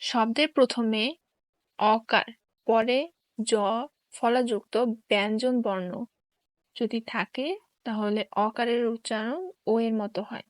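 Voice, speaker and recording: A woman teacher slowly reading grammar rules and examples in a careful, dictation-like way. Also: fairly high pitch, fairly even intonation, no room sound.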